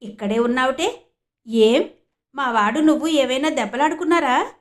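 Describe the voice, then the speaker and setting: A woman voicing a bustling, chatty village mother who fusses and talks briskly. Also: sits high, lightly acted. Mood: fussing. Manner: brisk, fussing.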